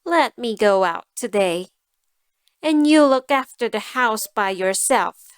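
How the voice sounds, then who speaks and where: A woman's voice: fairly high pitch, expressive, slow pace, clear, resonant tone, no room sound, clean studio sound. A woman voicing a sly, self-serving female cat in a storybook, with a cool, persuasive manner. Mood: sly, coaxing.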